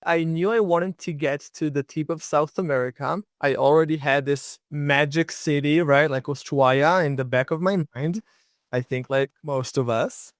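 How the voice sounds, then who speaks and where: A young man from Israel chats easily in an interview, his voice sitting a little high for a man. He tells his stories in a loose, friendly way, dotted with fillers. The sound is dry and close, with no room around it. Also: normal speed, no room sound. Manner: easygoing, chatty, many fillers like "like" and "you know". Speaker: guest, long-distance bicycle traveler. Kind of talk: casual interview storytelling.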